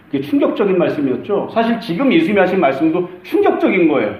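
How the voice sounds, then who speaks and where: Middle-aged male pastor, conversational sermon, quick talker, slightly high voice, echoey dull recording. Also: big pitch swings. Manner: conversational preaching, acts out quoted lines.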